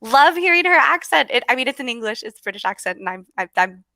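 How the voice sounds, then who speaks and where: Very animated and fast-talking, this woman sounds a little high, bright and forceful in clean studio sound with no room echo. She's a bubbly guest speaker with a Californian American accent on a casual video call, full of fillers and restarted sentences.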